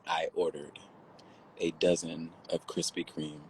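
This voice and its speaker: A man joining a casual livestream from home over a phone call, chatty and quick to laugh. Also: very deep voice, husky. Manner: laughing, chatty, animated storyteller. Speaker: livestream guest. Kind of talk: casual chat.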